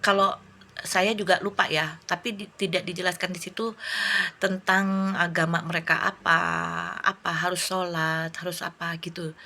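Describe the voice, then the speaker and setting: A woman's voice: medium pitch, fairly bright tone. A woman talking casually as a host, reviewing a film with religious reflection, often searching for words and restarting her sentences.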